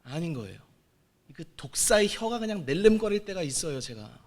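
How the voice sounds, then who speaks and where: A man in his forties preaching a sermon as pastor, moving between quiet asides and loud exclamations. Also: high voice, very animated, normal speed. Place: church sanctuary.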